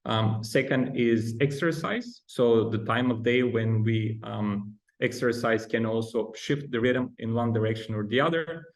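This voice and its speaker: A man in his thirties from Bulgaria, appearing as a guest researcher in a podcast interview, speaks in a Bulgarian accent with a medium-pitched voice. He's unhurried with few pauses, yet hesitant, with many ums and restarts. The recording is rough.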